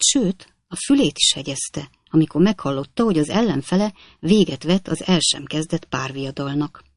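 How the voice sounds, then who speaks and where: Dry, measured audiobook narrator. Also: mid-range voice, dry recording. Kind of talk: scripted narration of a classic novel.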